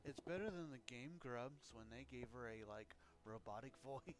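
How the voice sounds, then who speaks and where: A man's voice: medium pitch, animated, normal speed, noisy background. A man chatting casually on a live stream, rambling and laughing between thoughts. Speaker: livestreamer.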